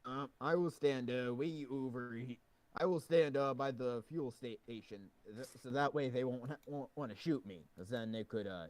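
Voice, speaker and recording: A man's voice: medium pitch, normal speed, a little mellow. A man playing a tabletop game, talking casually with frequent restarts and stumbles. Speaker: player.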